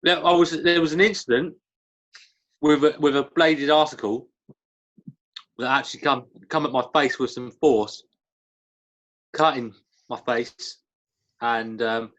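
A man chatting casually in a hesitant, halting way. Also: mid-range voice, fairly bright tone, dull audio. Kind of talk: casual chat.

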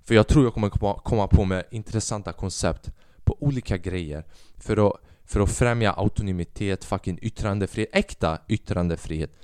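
A man's voice: lowish voice, few pauses, a little mellow, clear, resonant tone, dry recording, studio quality. A man in his twenties hosting a solo podcast, rambling restlessly, swearing often and mixing in English phrases. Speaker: podcast host. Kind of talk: casual solo monologue.

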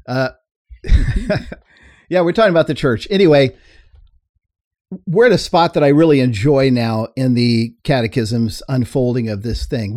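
A man's voice: mid-range voice, a little mellow, no echo, studio quality. A middle-aged man co-hosting a talk show, explaining things earnestly and laughing easily. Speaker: co-host and teacher. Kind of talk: explanatory discussion.

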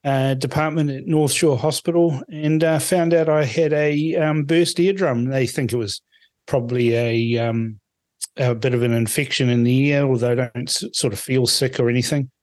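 A man from Fiji hosting a casual radio phone-in, speaking conversationally with a halting delivery. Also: medium pitch, fairly even intonation, darkish tone, no room sound. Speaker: radio talk show host.

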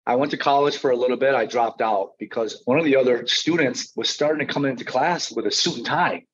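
In slightly dull, lo-fi audio with a bit of background noise, a man in his thirties from Chicago talks about his own experiences on a podcast. He's a mortgage branch manager and coach, and his mid-range voice moves briskly in a conversational way.

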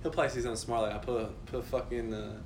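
A man's voice: mid-range voice, fairly even intonation, racing. A man in his twenties co-hosting a casual chat, full of slang and profanity. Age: 20s. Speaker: podcast co-host.

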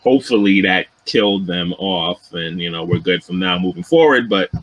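A man co-hosting a podcast, telling a story in a relaxed way, full of "you know" and "um". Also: sits low, moderate pace, dull audio. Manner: laughs often and loudly. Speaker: podcast co-host. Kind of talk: casual chat.

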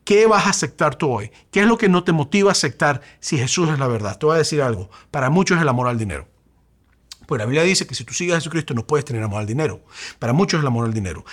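A pastor with a Venezuelan Spanish accent delivers a sermon from the pulpit in a voice a bit high for a man and fairly bright in tone. He builds emphasis by repeating rhetorical questions.

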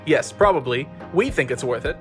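A man's voice: medium pitch, normal speed, over music, close to an everyday voice. Brief: man as robotic-polite hold-line voice, dry and smug. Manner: polite, smooth, deadpan. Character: smug automated phone menu voice, male.

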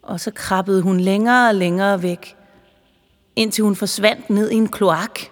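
A woman reading a children's story aloud in a calm, clear storytelling voice. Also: medium pitch, long reverb tail. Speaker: narrator. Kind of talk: audiobook narration for children.

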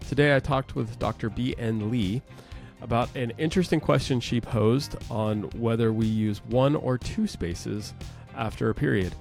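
A man in his forties hosting a podcast, chatting casually with a guest and often pausing with "uh" and restarting sentences. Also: medium pitch, creaky, darkish tone, soft background music. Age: 40s. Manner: friendly, frequent "uh" hesitations and restarts. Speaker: podcast host. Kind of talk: casual interview chat.

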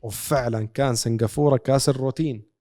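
Fast-talking Levantine Arabic man. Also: mid-range voice, steady tone, dark tone. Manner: storytelling with rhetorical questions. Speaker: podcast co-host. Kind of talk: animated casual sports recap.

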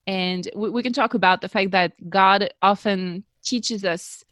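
Speaking a little slowly in a mid-range, fairly bright voice with no room sound, a woman in her forties from France guests on a podcast. Her French accent comes through as she talks earnestly in casual interview chat, teasing herself and filling gaps with um and you know.

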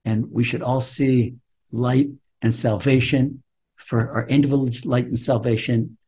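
Husky-voiced rabbi teaching Torah. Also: male voice, mid-range voice, fairly even intonation, unhurried, a little mellow. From Israel. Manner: quotes Hebrew text then translates, emphatic. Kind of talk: Torah lesson.

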